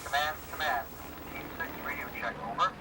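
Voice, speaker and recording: A search team member calling in over a two-way radio in quick, clipped radio phrasing. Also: male voice, on the high side, pushed and bright, a little hiss or hum. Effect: speaking over a two-way radio. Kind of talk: radio protocol talk.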